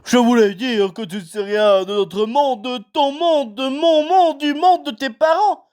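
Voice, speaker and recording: A woman voicing a huge, hot-tempered male giant who booms out indignant outbursts. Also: a little slow, dark tone. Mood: insistent.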